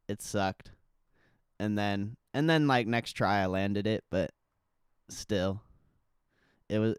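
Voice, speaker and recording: A young man hosts a livestream, chatting casually like a laid-back crypto bro, full of slang and swearing. His lowish voice is clear and resonant, with clean studio sound and no echo.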